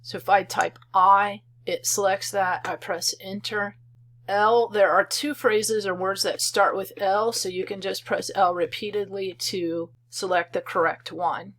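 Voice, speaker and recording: A woman narrates a screen-recorded tutorial for a program she built. Her voice sits in an ordinary middle pitch. She talks calmly and methodically, explaining each step in turn. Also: unhurried. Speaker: software creator demonstrating her program.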